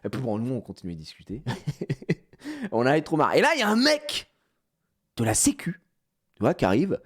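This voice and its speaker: A man streaming a casual storytime, retelling events in an animated way with slang and frequent laughter. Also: mid-range voice, normal speed, slightly rough.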